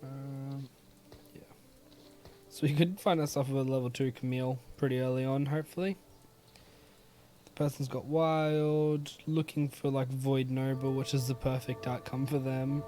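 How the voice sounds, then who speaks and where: A young man from Australia giving casual gameplay commentary in a relaxed, rambling way, with many "um"s and yawns. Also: mid-range voice, moderate pace, soft background music. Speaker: gaming YouTuber.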